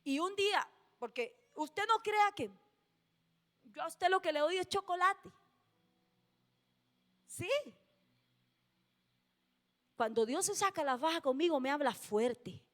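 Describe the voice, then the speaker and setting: A woman preaches an emphatic sermon in a very high voice, hammering her key phrases and putting questions to the congregation. Her words trail off into a long church-hall reverb. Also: expressive, slow pace, pauses often.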